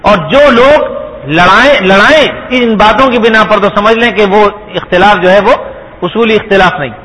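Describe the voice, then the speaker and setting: A man's voice: high voice, bright, forceful tone, low-quality recording. A man giving a sermon, explaining patiently and asking his listeners rhetorical questions. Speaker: Islamic preacher.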